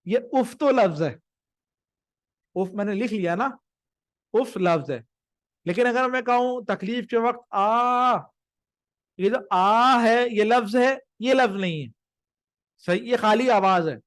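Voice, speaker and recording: A man with a fairly high voice teaching a live grammar lesson. He explains patiently, drawing out definitions word by word and checking that his listeners follow. The sound is dry and close. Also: no echo. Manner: slows to stress each word of definitions.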